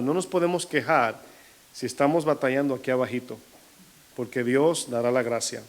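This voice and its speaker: Man preaching with rhetorical questions. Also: mid-range voice. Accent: Latin American Spanish. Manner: shifting pace, slowing to stress figures. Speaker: pastor. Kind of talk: sermon.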